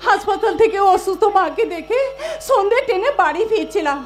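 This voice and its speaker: An actress playing a desperate young woman in a folk stage play, shrill and tearful in her pleading. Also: animated, a little fast. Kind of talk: jatra stage acting. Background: loud stage music.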